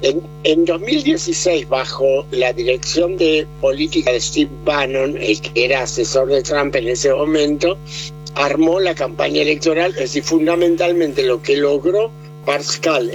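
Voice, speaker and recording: A man lays out a political case in a loose, conversational way, full of "eh" and restarts. His voice sits a bit high, and faint music plays behind him. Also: unhurried, highs cut off. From Argentina. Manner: explanatory, many hesitations and restarts. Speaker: political commentator.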